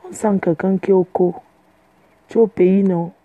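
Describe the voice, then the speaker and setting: A woman's voice: mid-range voice, steady tone, normal speed, phone-quality sound. A woman chatting casually to her fans in a playful, boastful way. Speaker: social media personality addressing fans. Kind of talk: casual live video chat.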